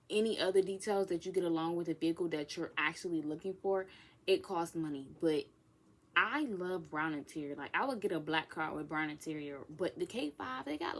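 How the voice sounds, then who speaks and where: A woman of twenty chatting casually in a Q&A vlog, sassy and playful, with whispered asides. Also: fairly low pitch. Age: 20s. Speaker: vlogger. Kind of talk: casual get-to-know-me Q&A.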